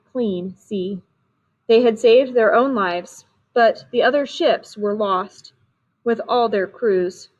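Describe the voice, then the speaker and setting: A woman reading a storybook aloud in a steady, clear manner, on a dull lo-fi recording. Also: mid-range voice. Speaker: reader.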